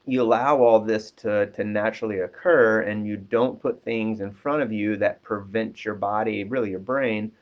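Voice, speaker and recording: Casting Man, lower voice, counselor giving easygoing advice, lots of fillers, dull lo-fi recording. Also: vocal fry. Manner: relaxed, many ums and restarts. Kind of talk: casual advice talk. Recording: dull lo-fi sound.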